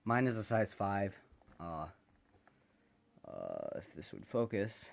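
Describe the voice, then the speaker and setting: A man gives an informal, unscripted product review. His voice sits fairly low, and he speaks loosely and conversationally, recorded on a phone camera. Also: huge pitch swings, slow, vocal fry. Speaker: gas mask reviewer. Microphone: handheld phone camera.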